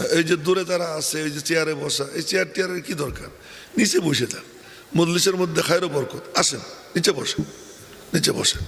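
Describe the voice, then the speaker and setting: The voice is an older man's, on the high side and a bit bright, with vocal fry. He's a preacher at a religious gathering, giving an open-air sermon to a crowd in a chatty, teasing way full of asides, recorded with a long hall echo and faint ambient noise.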